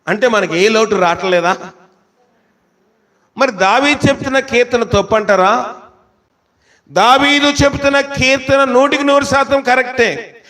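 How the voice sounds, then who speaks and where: A pastor preaching a sermon, asking the congregation questions and reading scripture slowly and emphatically. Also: male voice, very high-pitched, a bit bright.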